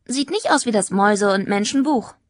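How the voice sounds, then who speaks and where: A woman voicing a chatty, excitable teenage schoolgirl who talks in a breathless, gushing way in a storybook reading. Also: medium pitch, normal speed, dry recording, studio quality, close to an everyday voice.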